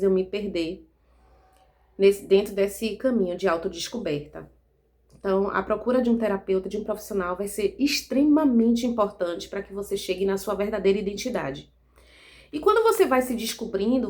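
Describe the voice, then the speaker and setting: A woman from Salvador, speaking in an earnest, measured way in a reflective monologue to camera, often tagging her sentences with "né". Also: mid-range voice, a little mellow. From Salvador, Bahia, Brazil. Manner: earnest, measured, frequent "né" tag questions. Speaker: self-development vlogger.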